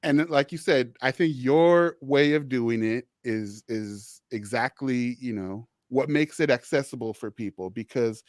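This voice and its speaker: A man's voice: mid-range voice, measured pace, hardly any pauses, no room sound. A man with a mid-range voice hosts a conversational podcast. He rambles a little and restarts his sentences, with "you know" sprinkled throughout. The sound is dry and close to the mic. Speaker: podcast host, social worker.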